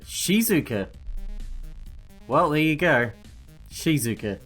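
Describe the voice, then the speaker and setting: A woman's voice: deep voice, very animated, takes it slowly, faint music behind. A woman doing a let's play, reading game narration aloud and adding casual commentary.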